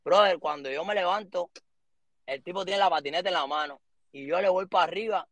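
Man, 30s, Cuban accent, slangy animated storytelling, slightly high voice, dry close sound. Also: a little fast, no room sound. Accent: Cuban Spanish. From Cuba. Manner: animated street slang, acts out quotes. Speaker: guest. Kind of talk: casual storytelling interview.

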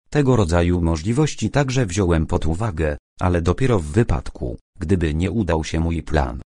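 A man reading an audiobook aloud in a steady, measured way, voicing the characters' dialogue as he narrates. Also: sits low, no echo, studio quality.

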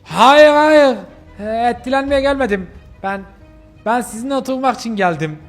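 A man's voice: very high voice, moderate pace, faint music behind, voice pushed up. A man voicing a poor, timid stray dog who stammers and pleads in a game role-play. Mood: pleading.

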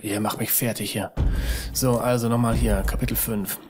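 A man's voice: mid-range voice, fairly even intonation, normal speed, over music. Fretful man muttering through a game. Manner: mutters to himself, fretful sighs. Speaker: let's player. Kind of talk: casual gameplay commentary. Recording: audible background noise.

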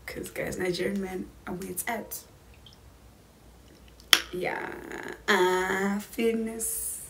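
A twenty-year-old South African YouTuber chats to camera from a small room in a casual Q&A vlog. Her mid-range voice is slow with fairly even intonation, yet she's emphatic and chatty with slangy asides, and there's slight background noise.

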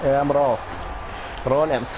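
A man giving excitable wrestling commentary over video game play, exclaiming and repeating his phrases. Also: medium pitch, slow pace, lo-fi sound. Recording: clear background game noise.

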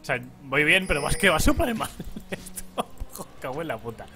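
Sharp-toned and very animated, this young Spaniard's fairly high voice runs at a moderate pace while he games on YouTube. With his Spanish accent, he laughs, swears over the lag, and jokingly pleads with the game as quiet music plays.

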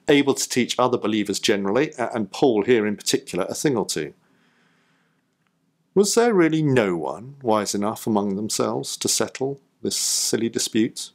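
A man preaching a sermon in church, emphatic and full of rhetorical questions, his pitch jumping up on key points.

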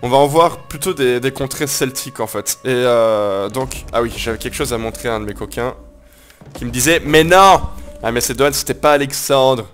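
A man's voice: medium pitch, brisk, soft background music. A man giving casual let's-play commentary on a strategy game, joking around, coining silly made-up words and swearing now and then. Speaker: gameplay commentator.

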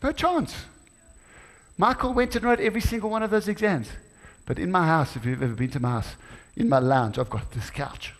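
A middle-aged man preaching a sermon in a church, animated, rising to exclamations and acting out dialogue. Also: high-pitched, a little fast. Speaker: guest preacher. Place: church hall. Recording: church hall with long reverb.

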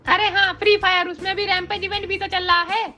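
A woman's voice: very high voice, little pitch movement, a little fast, pushed and bright, soft background music. A woman voicing a cheeky schoolboy who teases his teacher. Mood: chatty. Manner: teasing, cheeky.

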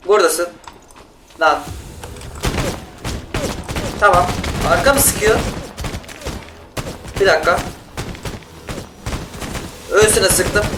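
A man giving casual gameplay commentary, excitable and yelling in bursts during fights, talking to the other players. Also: high voice, far from the mic. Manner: talks to other players and teammates. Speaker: gaming YouTuber. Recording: roomy sound, off-mic, loud game music. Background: game music and gunfire.

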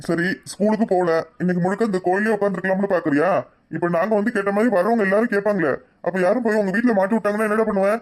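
A man's voice: sits high, steady tone, rapid-fire, natural voice. A man voicing a bossy, teasing young village man, with a Kanyakumari Tamil accent.

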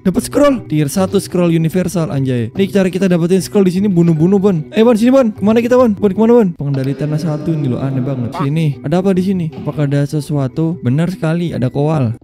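A young man doing excitable, slangy let's-play commentary, bantering with a teammate and yelping at the game. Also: fairly high pitch, fast talker, few pauses. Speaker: gaming YouTuber.

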